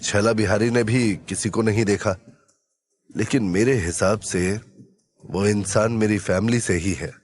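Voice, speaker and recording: A man voicing a brooding young male hero in an audio drama, grave and measured. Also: on the low side, fairly even intonation, pitched below the performer's own voice, lightly acted. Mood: serious.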